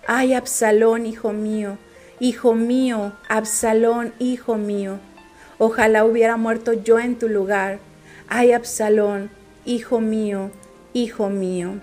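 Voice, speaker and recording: A woman reading the part of an old male king with a grieving, weighty temper, in a slow, drawn-out delivery. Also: fairly high pitch, steady tone, darkish tone, faint music behind, natural voice. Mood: lamenting.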